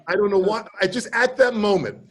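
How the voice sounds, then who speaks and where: An older man telling a story over a video call, shouting out quoted lines and mimicking other people's voices. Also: sits high, fairly quick, background noise. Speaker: drum teacher telling stories.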